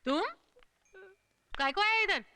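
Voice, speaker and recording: A bossy scolding landlady, high and swooping, bright voice, broken hindi. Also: animated, takes it slowly, noisy background, heavily acted. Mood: shooing.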